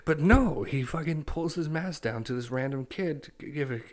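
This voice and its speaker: A man's voice: a little high, moderate pace. Blunt, swearing male podcast host. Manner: blunt, swears a lot, ranting. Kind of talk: casual profane chat.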